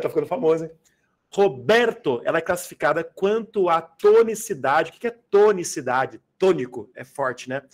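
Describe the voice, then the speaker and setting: A man with a slightly high voice teaches a grammar class in a classroom. He talks casually and with slang, and keeps asking his students whether they follow. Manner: casual, slangy, asks students to confirm often. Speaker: Portuguese teacher. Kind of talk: live exam-prep grammar class. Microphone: adjustable microphone.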